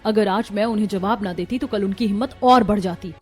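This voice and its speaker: A woman voicing a proud, outspoken young bride in a cartoon story, talking forcefully. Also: mid-range voice, fairly quick, breathy edge, faint music behind, natural voice. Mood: indignant. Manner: forceful, indignant.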